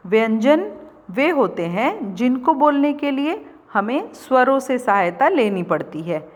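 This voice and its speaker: A woman's voice: medium pitch, long reverb tail. A woman teaching an online Hindi grammar lesson, explaining patiently and checking in often. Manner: slow, patient explaining with repeated "theek hai".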